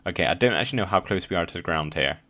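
A man's voice: sits low, lively intonation, very fast, sharp tone. A young man with a slight lisp chatting casually as he plays a building game, thinking aloud with frequent ums and little laughs. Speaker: gaming channel host. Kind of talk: casual let's play commentary.

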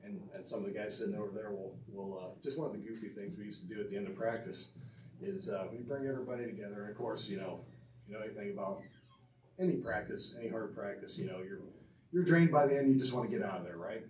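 A middle-aged man speaks fast in a fairly low, slightly mellow voice, earnestly reading a prepared tribute to induct his father into a hall of fame, with occasional stumbles and asides to the audience. The podium mic is picked up by a faraway camera, so he sounds distant in a reverberant banquet room with faint room hum.

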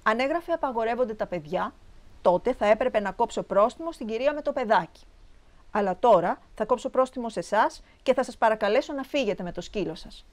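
A woman's voice: a little high, expressive, close to an everyday voice. A woman voicing a firm male park guard who lectures a dog owner, in a storybook reading. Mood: stern.

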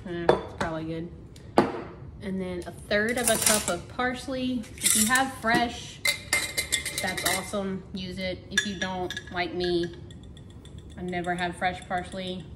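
A middle-aged woman talks her way through a recipe in a home kitchen, her voice sitting a little low. She chats and thinks aloud as she works, and loud clatter of dishes and pans carries under her from a camera on the counter. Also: steady tone, measured pace, heavy background noise. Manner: chatty, talks while working, thinks aloud. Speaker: home cooking vlogger. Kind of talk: casual cook-along narration.

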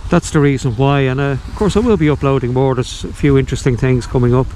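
A man's voice: mid-range voice, fast talker. A man with an Irish accent chatting casually and wryly as a motorcycle vlogger while riding, talking in a rambling way. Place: outdoors riding a motorbike in rain. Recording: steady road, engine and traffic noise.

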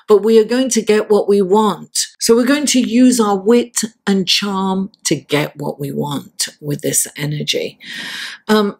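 A middle-aged woman with a slightly raspy voice giving a measured horoscope and tarot reading to camera. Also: lowish voice. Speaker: astrologer and tarot reader, host. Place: indoors, seated at a table.

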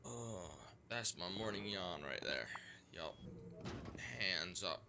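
A man's voice: sits low, lively intonation, slow. A man hosting a gaming video, chatting casually and laughing often as he plays. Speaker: gaming channel host. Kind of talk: casual game commentary and voice chat. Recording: loud background noise with clicks.

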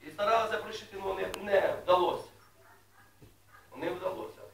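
Man preaching, high bright voice, folksy questions to the congregation, roomy hall, mic some way off. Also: fairly quick, creaky. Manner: folksy, asks the congregation questions, rises to loud reading. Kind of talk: sermon. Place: church hall. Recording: echoey room, mic at a distance.

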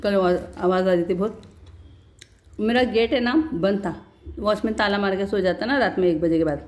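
A middle-aged woman talks straight to her followers as she eats, pausing between bites to tell a long story in a homely, chatty way. Her voice sits in a middle range and she calls her viewers "beta". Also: medium pitch, darkish tone. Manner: pauses while chewing. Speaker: vlogger. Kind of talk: casual chat to viewers.

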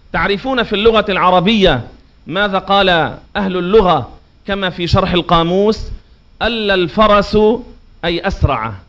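A man's voice: sits high, a bit bright. A man giving a religious lecture, emphatic and drawing out words to show pronunciation. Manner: emphatic, drawn-out demonstrations of pronunciation. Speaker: preacher. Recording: dull lo-fi recording.

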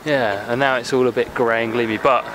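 A man's voice: medium pitch, steady tone, a little fast. A man chatting jokily on a casual vlog while walking through a park with a handheld camera. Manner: jokey, playful rambling. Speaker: vlogger. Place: outdoors in an urban park. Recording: noisy outdoor street recording. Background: traffic and city ambience.

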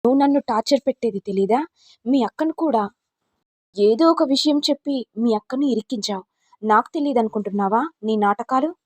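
A woman's voice: a little high, moderate pace, a little mellow, dry recording, natural voice. A woman voicing a young husband who scolds his wife with contempt. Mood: scornful. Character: angry scornful young husband.

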